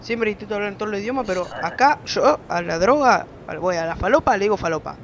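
A man giving casual, rambling game commentary from his bedroom, excitable and quick to swear. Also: high-pitched, dull audio, a little hiss or hum. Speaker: gameplay commentator. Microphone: desk microphone.

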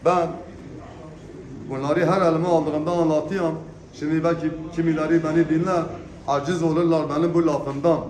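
A man giving an unscripted auctioneer's sales pitch, presenting lots in an emphatic way and repeating his phrases. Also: a little mellow. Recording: echoey room with background noise. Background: birds, pigeons.

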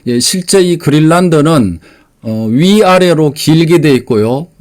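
A man hosts a quiz, reading out each question and then explaining the answer step by step. His voice is plain and unpolished, and he fills his pauses with short sounds. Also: a little high, lively intonation, a little mellow. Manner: plain, unpolished delivery with many fillers. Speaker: quiz host.

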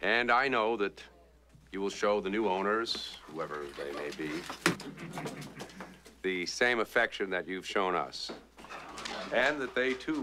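A dry, sarcastic husband. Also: male voice, fairly low pitch, noisy background. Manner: dry, sarcastic, shouts after the dog. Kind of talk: 1980s film comedy acting. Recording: film soundtrack with loud music.

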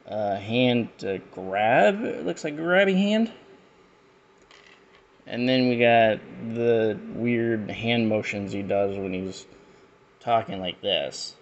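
Man, toy review chat, slow unhurried talk, animated pitch, rambling and jokey. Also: lo-fi sound, slight background noise. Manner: rambling, jokey, with frequent fillers. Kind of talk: casual unboxing commentary.

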